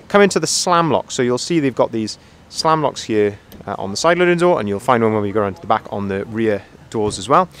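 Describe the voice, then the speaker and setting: A man who manages van sales, giving a walk-around tour of a van outdoors at a dealership while filming it by hand. He talks in a relaxed sales patter with plenty of fillers. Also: medium pitch. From Wales. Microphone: camera held by the speaker, filming by hand.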